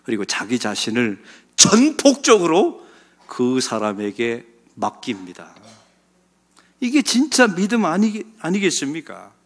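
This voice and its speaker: A man's voice: fairly high pitch, huge pitch swings, a little slow. A middle-aged male pastor delivering a broadcast sermon, preaching emphatically with rhetorical questions to the congregation and calls of hallelujah. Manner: punctuates with hallelujah and amen.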